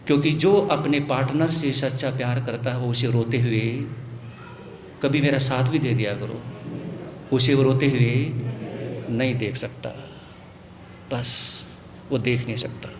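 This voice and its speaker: A man's voice: medium pitch, steady tone, unhurried, long pauses, noisy background. A man, a monk, preaching by dramatically retelling a story and often checking in with his listeners. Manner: dramatic, emotional, asks audience for agreement. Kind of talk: storytelling sermon. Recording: echoey hall with long reverb.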